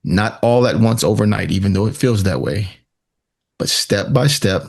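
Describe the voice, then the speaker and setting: A man delivering a scripted political exposé as a commentator, sardonic and pointed, with deliberate rhetorical phrasing and dramatic pauses. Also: lowish voice, lively intonation, gravelly, darkish tone, slightly rough.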